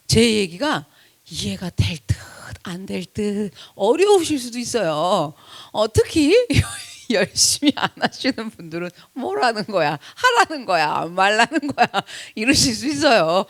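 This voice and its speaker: A woman pastor preaching a sermon, acting out quoted speech and swinging from loud lines to hushed asides. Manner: acts out quoted speech in a high voice. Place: church sanctuary.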